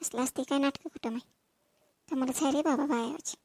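A woman's voice: sits high, fairly quick, darkish tone, dry recording. A woman voicing a stern village farm owner in a cartoon, lecturing and complaining. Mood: grumbling. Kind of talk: dubbed cartoon voice.

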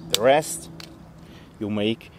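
A German-speaking bushcraft instructor walks through a task step by step in a forest, his manner plain and friendly. His voice sits on the low side and moves very slowly, with noise in the background of this outdoor tutorial demonstration.

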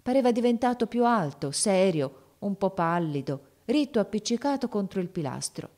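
A woman narrating an audiobook of a classic novel, reading expressively and lifting her voice for the characters' shouts. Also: medium pitch, sing-song, normal speed.

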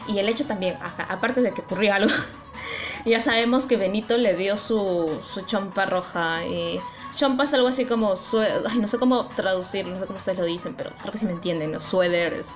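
A young woman vlogging in casual chat. She translates posts for her viewers and gushes excitably, with lots of giggling. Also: mid-range voice, brisk, faint music behind. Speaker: fan vlogger.

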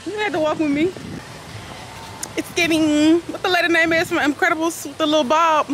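A woman's voice: very high-pitched, fairly even intonation, brisk. A young woman vlogging casually at an arcade and restaurant, holding the camera at arm's length and chatting playfully with her viewers. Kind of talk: casual vlog chat. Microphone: handheld camera at arm's length. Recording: loud arcade with music and crowd noise. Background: loud music and crowd.

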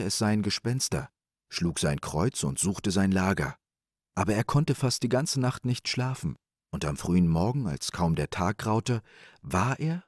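Low-voiced man reading a bedtime fairy tale. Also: slightly rough, no echo, studio quality. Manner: calm, expressive storytelling. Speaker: audiobook narrator.

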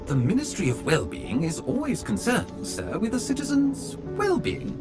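A man's voice: high voice, wildly swooping pitch, moderate pace. A man voicing a polite male butler robot in a video game, formal and deferential, who speaks to his master in the third person. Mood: prim. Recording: game music underneath.

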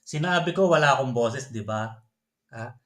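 A man's voice: mid-range voice, lively intonation, normal speed. A man talking casually on a livestream, taunting a rival and laughing often. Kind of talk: reaction livestream talk.

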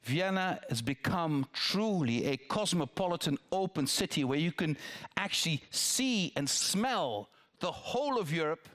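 A man's voice: fairly high pitch, fairly bright tone. An older man from the Netherlands, a politician answering audience questions on a theatre stage through a headset mic, thoughtful, with restarts and asides. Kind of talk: town-hall dialogue.

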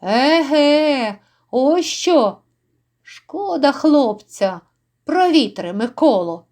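A woman voicing a commanding older male rebel chieftain, speaking with authority and fatherly warmth. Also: high voice, animated, drawn-out words, voice pushed up, heavily acted.

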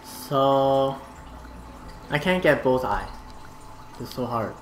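Very low-voiced woman gaming, echoey room. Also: lively intonation, slow, a little hiss or hum. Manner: playful, sings little sound effects. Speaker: co-op gameplay player. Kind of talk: casual gameplay chat.

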